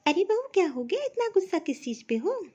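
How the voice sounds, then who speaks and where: A woman voicing a kind middle-aged mother-in-law who gently advises her new daughter-in-law. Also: extremely high pitch, big pitch swings, brisk, no echo. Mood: coaxing.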